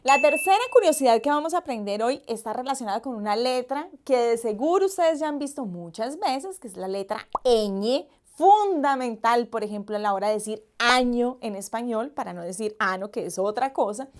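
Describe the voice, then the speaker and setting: A woman teaching a Spanish lesson, explaining points clearly and speaking directly to her viewers. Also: a little high, expressive, fairly quick, few pauses, darkish tone. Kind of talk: explaining language lesson to learners.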